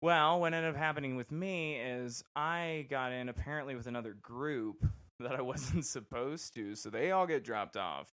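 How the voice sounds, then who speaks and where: A young man casually telling a personal story on a podcast, animated and quick to act out the people he quotes. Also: smooth. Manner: animated, acts out quoted voices with big pitch jumps. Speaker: podcast host.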